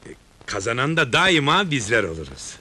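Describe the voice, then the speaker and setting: An actor playing a calculating, cynical father who talks about politics in a calm, measured way. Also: mid-range voice, natural voice. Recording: old film soundtrack with noise.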